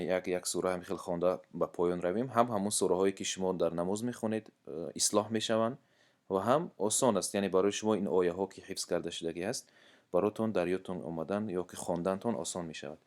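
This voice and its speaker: A man with a Tajik accent teaching a lesson, explaining patiently with pauses and breaking into slow, drawn-out melodic recitation. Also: deep voice, a little mellow.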